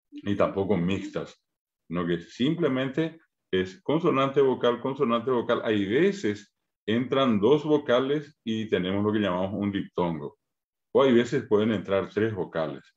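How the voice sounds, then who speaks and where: With a fairly low, darkish voice and audio missing its high end, a Paraguayan Spanish-accented man teaches Guarani online over a video call. He takes his time, patiently pronouncing syllables one by one.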